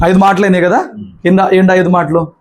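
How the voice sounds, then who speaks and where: A man preaching with a high-pitched voice, pressing his point through repetition and rhetorical questions. He speaks as a pastor addressing a church congregation. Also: fairly even intonation, normal speed, slight background noise. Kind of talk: sermon.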